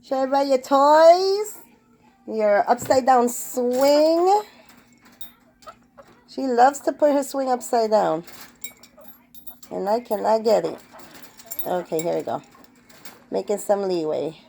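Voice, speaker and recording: A woman's voice: fairly high pitch, expressive, takes it slowly, vocal fry, pauses often, warm tone. A woman casually talking to her pet parrot, coaxing it in a sing-song voice and dropping in Spanish pet words. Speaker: pet bird owner.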